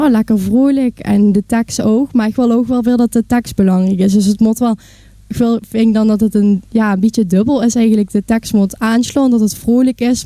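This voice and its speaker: A woman's voice: a little high, dark tone, no room sound. A young woman, a singer guest talking earnestly in a casual radio interview. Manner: earnest, thinking aloud.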